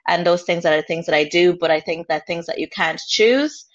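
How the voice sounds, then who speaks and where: An Irish woman with a fairly low pitch and moderate pace speaks as a podcast guest in a reflective, personal conversation. She talks earnestly, thinking aloud and frequently restarting. The recording sounds dull and lo-fi.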